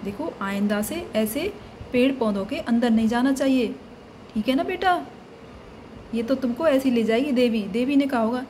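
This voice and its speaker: Scolding, caring uncle doll, voiced by a woman, high voice, light background hiss. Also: moderate pace, darkish tone, natural voice. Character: fussing uncle doll, adult man. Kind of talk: doll play storytelling.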